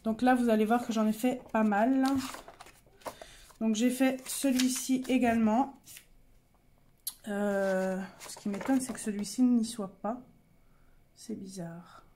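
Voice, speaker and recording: A woman's voice: on the high side, steady tone, takes it slowly, long pauses, dark tone, a little hiss or hum. A young woman casually showing her coloring pages, chatty and hesitant, with many fillers and self-corrections. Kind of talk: casual show-and-tell.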